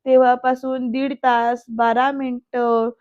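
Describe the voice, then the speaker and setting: A calm young male politician who teases gently, voiced by a woman recapping a serial. He talks slowly and deliberately, in a fairly high voice with little melody. The recording sounds a bit dull and lo-fi. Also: clear, resonant tone, lightly acted. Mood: calm teasing.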